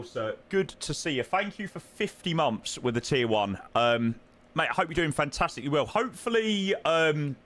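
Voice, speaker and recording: British male streamer, lively swooping intonation. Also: a little high. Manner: chatty, informal, matey. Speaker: flight simulator livestreamer. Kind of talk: casual livestream chat.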